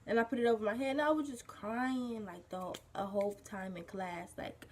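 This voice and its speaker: A teenage girl with a husky just-woken-up voice, telling a personal story as a vlogger in a rambling casual way, full of "like" and "you know". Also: fairly high pitch, moderate pace, a little mellow, a little hiss or hum. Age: teens.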